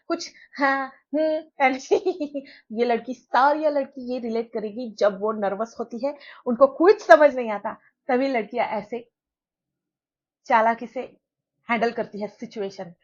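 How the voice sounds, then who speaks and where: A woman's voice: on the high side, takes it slowly. Young woman telling a dramatic funny story about herself, kinda muffled audio. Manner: animated, dramatic, self-mocking. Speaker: vlogger. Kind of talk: storytime vlog. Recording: dull lo-fi sound.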